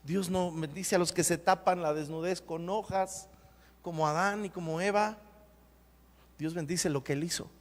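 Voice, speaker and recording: A man preaching a sermon as pastor, emphatic and repetitive, with sudden loud bursts. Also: high voice, fairly even intonation, moderate pace. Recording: long hall reverb.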